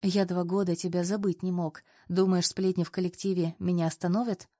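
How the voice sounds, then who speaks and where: A woman's voice: fairly low pitch, little pitch movement, fairly quick, warm tone, no echo, clean studio sound, natural voice. A woman reading the lines of a confident young male boss who teases and gives orders. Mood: teasing. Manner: teasing, commanding.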